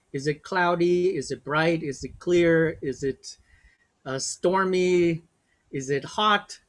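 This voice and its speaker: Slow, gentle older man leading a webinar. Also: a little high. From Vietnam. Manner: slow, gentle, reflective, with small restarts. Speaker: workshop facilitator. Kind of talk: guided webinar talk.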